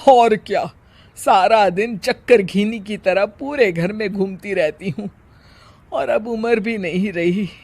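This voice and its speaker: A woman's voice: mid-range voice, slow, a little mellow, no room sound. An actor playing a weary, scolding elderly mother-in-law in a family story, grumbling and sardonic. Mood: sardonic, surprised. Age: older. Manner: grumbling, sardonic, plain-spoken.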